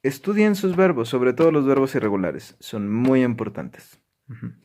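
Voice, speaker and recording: A male language teacher explains grammar at a steady medium pitch. He stresses his points and keeps dropping in short "ujú" affirmations to move the lesson along. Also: normal speed, slight background noise. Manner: frequent "ujú" affirmations, emphatic.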